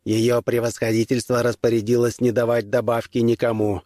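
A metallic robot servant speaks in flat, dutiful replies, put on by a man reading an audiobook. The tone is dark and mellow, and the recording is dry and close. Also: medium pitch, fairly quick, no echo, lightly acted. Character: polite male service robot, flat and obedient.

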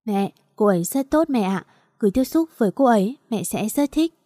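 A woman voicing a gentle, devoted young man who speaks softly and reassuringly. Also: a little high, animated, moderate pace, no echo, clean studio sound.

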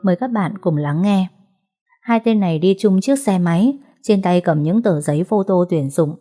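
A woman narrating a story in a calm, even, scripted storytelling manner. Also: on the low side, normal speed.

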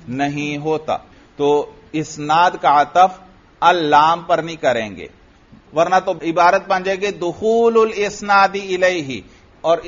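High-voiced man teaching grammar. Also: a bit bright. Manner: asks students questions and answers them himself; reads Arabic text then explains it. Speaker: Islamic scholar teaching Arabic grammar. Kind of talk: classroom lecture. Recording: dull lo-fi lecture recording.

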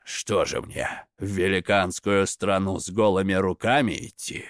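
A man reading a fairy tale aloud and voicing a gruff, mighty male sky god and blacksmith in a low, grumbling mutter. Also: unhurried, dry recording, clean studio sound, lightly acted.

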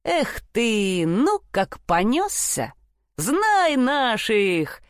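A woman voicing a cheerful, simple-minded young peasant lad in a storybook reading, loud and boastful. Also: a little high, expressive, a little slow, no room sound, clean studio sound. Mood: rowdy glee. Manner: boisterous, whooping, boastful.

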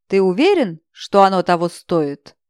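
A woman voicing a calm, mocking male dragon guardian who speaks quietly and cuttingly. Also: on the low side, a little slow, clear, resonant tone, dry recording, studio quality. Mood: sardonic.

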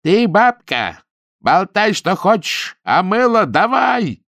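A man voicing a pushy, rough young village woman in an audiobook, with a brusque, demanding manner. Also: mid-range voice, animated, unhurried, dry recording, clean studio sound, pitched above the performer's own voice, natural voice.

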